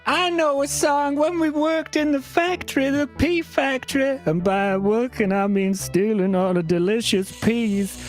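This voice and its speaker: Brief: wheedling weevil queen, voiced by a woman, high and slow, lilting sing-song. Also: soft background music. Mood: dreamy. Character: lazy scheming female weevil queen, pea thief. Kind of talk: improvised role-play.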